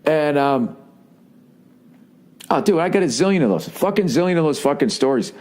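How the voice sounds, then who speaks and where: A man's voice: medium pitch, a little mellow. A man who is a comedian, telling stories in a rambling, profane podcast monologue and often checking in with the listener.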